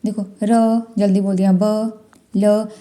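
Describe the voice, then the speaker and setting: A woman's voice: mid-range voice, flat delivery, takes it slowly, mellow. A woman teaching a Hindi exam-prep lesson, going through questions one by one, repeating key words and sounding out letters as she explains.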